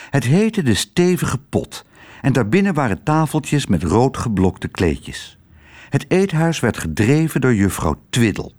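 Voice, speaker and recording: A man narrating a children's storybook in an expressive way. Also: medium pitch. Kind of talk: storybook reading.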